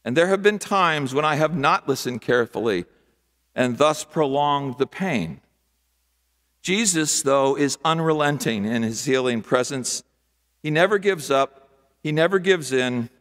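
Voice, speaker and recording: An older man preaching a sermon from a church pulpit, with rhythmic, repetitive phrasing and emphatic pauses. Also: a little high, animated, fairly bright tone. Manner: gestures broadly with both hands while preaching. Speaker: pastor. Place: large church sanctuary, at a wooden pulpit. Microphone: pulpit microphone. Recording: long church hall reverb.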